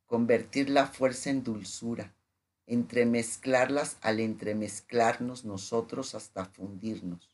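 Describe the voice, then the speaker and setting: A man giving a measured, intimate reading of sensual literary prose. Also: medium pitch, steady tone.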